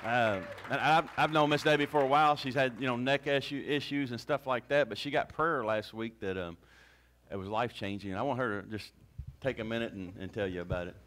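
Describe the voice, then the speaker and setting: In a small church, a male pastor speaks into a handheld mic and fervently exhorts his congregation, restarting phrases as he leads into a testimony during the service. His mid-range voice is fairly quick and a bit bright, picked up by a distant camera with slight background noise.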